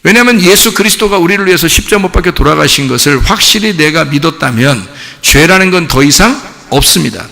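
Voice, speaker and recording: A man's voice: fairly high pitch, fast talker, gravelly, big-room sound. A male pastor preaching a sermon in a church, asking the congregation questions and acting out little scenes. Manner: lively preaching with acted-out dialogue and rhetorical questions. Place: church sanctuary.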